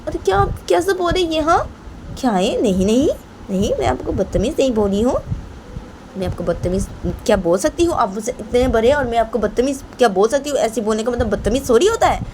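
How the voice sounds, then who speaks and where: A woman voicing a nervous, polite young woman who pleads and defends herself softly. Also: fairly high pitch, expressive, fairly quick, a little hiss or hum, voice pushed up, lightly acted, low-quality recording. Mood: shrill alarm.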